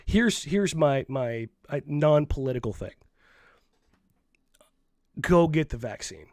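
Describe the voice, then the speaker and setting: A man's voice: a little high, expressive, takes it slowly, a little mellow, no echo, studio quality. Recovering sick man hosting a podcast. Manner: frank and rambling, with many restarts. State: still a little sick. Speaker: co-host. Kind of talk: casual sports podcast chat. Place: at home while isolating. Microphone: own microphone, muted between coughs.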